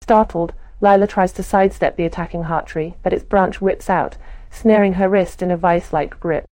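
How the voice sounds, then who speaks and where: Woman narrating a roleplay, low mellow voice, dry close sound. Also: steady tone, normal speed, no echo. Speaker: player narrating her character. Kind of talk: reading a role-play story aloud.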